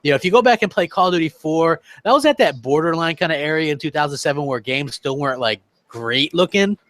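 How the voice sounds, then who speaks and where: Animated man co-hosting a gaming chat. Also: on the high side, fast. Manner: animated storyteller, mimics others. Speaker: co-host. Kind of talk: casual gaming podcast chat.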